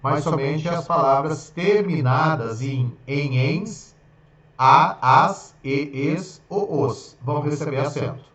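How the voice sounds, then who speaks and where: A man's voice: on the high side, fairly bright tone. A male Portuguese teacher giving a grammar lesson, explaining rules step by step and often checking in with "ok?" and "tá?". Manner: spells out examples slowly, syllable by syllable. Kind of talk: grammar lesson for exam students. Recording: very echoey room, dull lo-fi sound.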